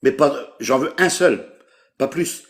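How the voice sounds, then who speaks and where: A man's voice: medium pitch, slow pace. A man in his fifties from France, talking hesitantly on a live call and searching for his words. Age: 50s. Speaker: caller seeking a partner.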